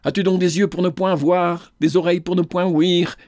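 A man's voice: fairly high pitch, normal speed, a little mellow, dry recording, clean studio sound, natural voice. A man reading an audiobook and voicing a fervent, indignant young woman in a passionate, declamatory way. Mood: fervent indignation.

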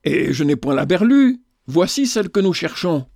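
A man's voice: medium pitch, moderate pace, no room sound, studio quality, natural voice. A man voicing an agitated, vengeful male sergeant who talks vehemently in a storybook reading. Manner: excited, vehement.

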